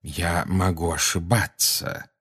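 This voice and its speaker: A man voicing a calm, courteous old wizard who speaks in a polite, measured way in an audiobook. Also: on the low side, voice pushed up.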